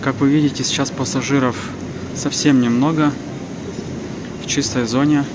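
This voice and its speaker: A man's voice: medium pitch, fairly even intonation, moderate pace. Man narrating in a noisy airport. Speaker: travel vlogger. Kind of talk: casual trip-report narration. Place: large indoor airport terminal. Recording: noisy airport terminal ambience.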